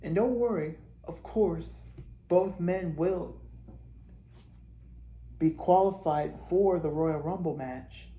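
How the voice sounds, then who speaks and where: A man's voice: high-pitched, slow pace, pauses often, warm tone. A man hosting a vlog, rambling through speculative wrestling storylines with hesitant restarts. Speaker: host. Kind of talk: wrestling fantasy-booking commentary.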